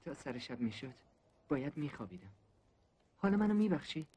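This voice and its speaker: A boyish young soldier speaks in a higher, husky voice. He sounds pleading and eager. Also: very animated, mellow.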